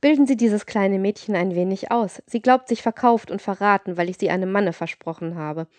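A woman's voice: mid-range voice, fairly quick, a little mellow, no room sound, close to an everyday voice. A woman voicing a scheming, greedy procuress with a boastful, coaxing manner in an audiobook reading. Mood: cold.

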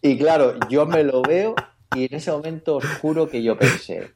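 A man co-hosting a casual podcast, telling a personal anecdote in a lively way, often laughing and restarting his sentences. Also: fairly high pitch, normal speed, a crowd in the background. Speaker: podcast co-host.

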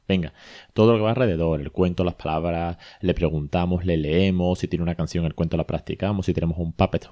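Low dark-voiced man, casual podcast. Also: no echo, studio quality. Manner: conversational, retells dialogue, frequent asides and self-corrections. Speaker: podcast host, bilingual parenting consultant.

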